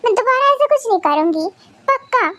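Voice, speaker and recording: A woman playing a sweet, playful young wife in a fan audio drama, comforting and lively. The voice is very high and girlish. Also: a little fast, no echo, heavily acted.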